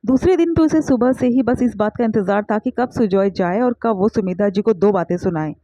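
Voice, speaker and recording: Mellow woman narrating a family story. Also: mid-range voice, a little fast, no echo. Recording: dull lo-fi recording.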